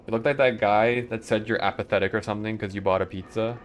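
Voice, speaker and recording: A man's voice: fairly low pitch, fairly even intonation, fast, slight background noise. A young man streaming a video game, chatting casually in a rambling, profane way and chuckling often. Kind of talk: casual chat while playing a game live.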